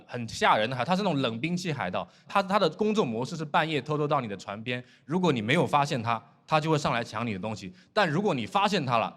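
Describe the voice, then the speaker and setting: A man from Fujian performing a stand-up comedy set on stage, telling stories in an animated way and mimicking his shipmates in dry, flat asides. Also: a little high, background noise. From Fujian, China. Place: comedy stage before a laughing audience.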